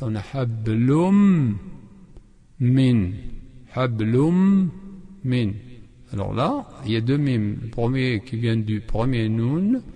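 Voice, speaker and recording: A man's voice: mid-range voice, creaky, mellow, long reverb tail. A man teaching the rules of Quran recitation, explaining patiently and repeating syllables again and again, with chanted examples. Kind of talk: tajwid lesson with chanted examples.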